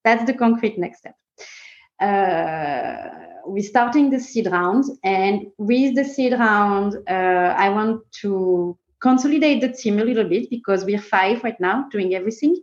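A woman's voice: medium pitch, unhurried. A woman startup co-founder in a casual interview, talking emphatically in startup buzzwords, with non-native English phrasing. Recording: muffled, echoey room sound.

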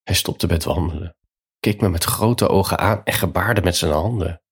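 Storyteller: man, very low voice with a husky edge, calm measured bedtime narration.

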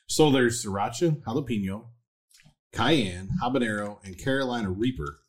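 A man's voice: medium pitch, lively intonation, moderate pace. A man co-hosting a casual live show, chatting while eating gross spicy jelly beans. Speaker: show co-host.

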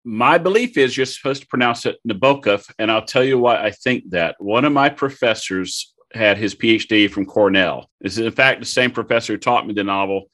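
Low-voiced man explaining a novel. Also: brisk, few pauses, a bit bright. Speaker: podcast co-host. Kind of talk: casual literary discussion.

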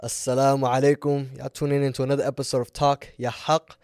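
A man's voice: medium pitch, flat delivery, fast talker, a little mellow, smooth, dry recording, studio quality. A young man hosting a podcast in laid-back, slangy casual chat, often tagging "you know what I'm saying". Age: young adult. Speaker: podcast host.

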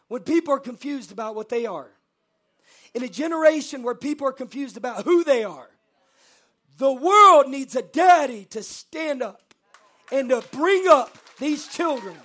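A man preaching a booming motivational sermon, exhorting the congregation and calling on them to respond. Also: expressive, a little slow, pushed and bright.

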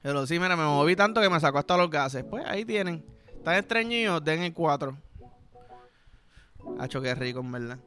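A man's voice: fairly high pitch, brisk, bright, forceful tone, faint music behind. A young adult man with a Puerto Rican accent hosting a podcast, talking in a crude, slangy comedic monologue full of vocal sound effects. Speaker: podcast host.

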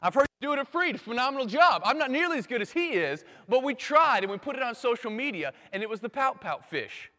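A man preaching a sermon to a live audience, swinging from loud bursts to hushed near-whispers and making playful sound effects. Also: very high-pitched, sing-song, fast talker, hardly any pauses. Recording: long hall reverb.

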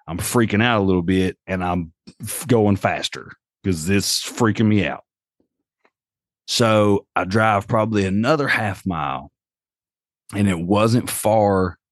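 A man's voice: lowish voice, dry recording, studio quality. A man with an Appalachian accent telling a story casually on a podcast, in a folksy, slangy way. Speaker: podcast host.

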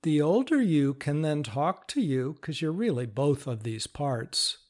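A man giving a patient, step-by-step instructional talk, explaining calmly. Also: on the high side, unhurried. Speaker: teacher of inner-parts work.

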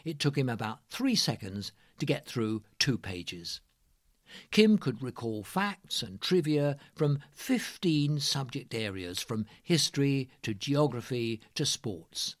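A man reading scripted narration as a presenter, in a measured, emphatic way. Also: mid-range voice, sing-song, dry recording, clean studio sound.

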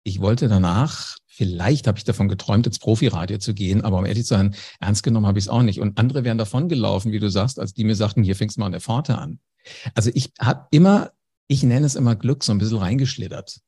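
A man's voice: fairly low pitch, fast talker, warm tone, slightly rough. A man, a former radio host, telling anecdotes in a casual interview, speaking directly to the listener. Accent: German.

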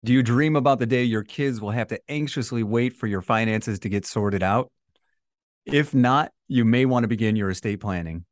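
A man's voice: mid-range voice, normal speed, no echo, studio quality. A man co-hosting a podcast as a financial advisor, giving prepared explanations.

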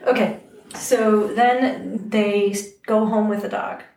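A woman's voice: mid-range voice, fairly even intonation, slow pace. A woman co-hosting a podcast from an animal rescue, chatting casually and explaining the process, her voice carrying a noticeable echo. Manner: chatty and matter-of-fact, explaining the adoption process. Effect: echoey, roomy sound on her mic. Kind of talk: casual chat. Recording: echoey room with faint background noise.

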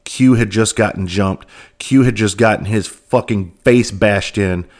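A man's voice: lowish voice, unhurried. A man who used to be a police officer, hosting a podcast and talking bluntly in a casual monologue, full of swearing and rhetorical questions. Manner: repeats words when starting sentences.

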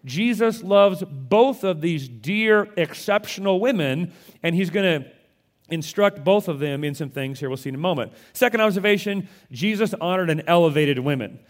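A man's voice: high-pitched, animated, normal speed. A man preaching a sermon as pastor, earnest and conversational, often restarting his sentences. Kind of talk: sermon with opening prayer.

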